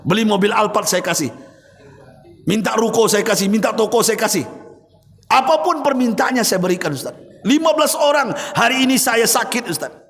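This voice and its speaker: A man voicing a remorseful rich man in his seventies, confessing in a low pleading voice. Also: expressive, moderate pace, a bit bright. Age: 70s. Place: mosque hall. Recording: reverberant mosque hall.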